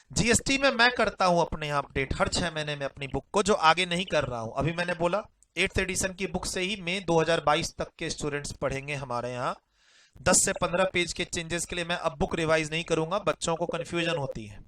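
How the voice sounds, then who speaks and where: A man's voice: a little high, pushed and bright, poor audio. A male tax teacher, explaining exam updates directly to students, repeating his points and mixing in English phrases.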